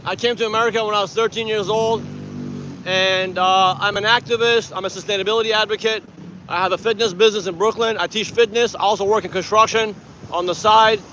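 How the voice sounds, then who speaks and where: Tired, rambling man in his 40s from Iran, vlogs outdoors; high, bright voice, faint traffic behind. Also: fairly quick. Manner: rambling, animated, laughs often. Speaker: activist vlogger. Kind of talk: casual vlog to camera. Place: city street outdoors.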